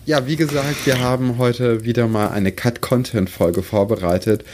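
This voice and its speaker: A man hosting a podcast, introducing the episode in a relaxed, slightly rambling way. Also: mid-range voice, moderate pace, slight background noise. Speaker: podcast host.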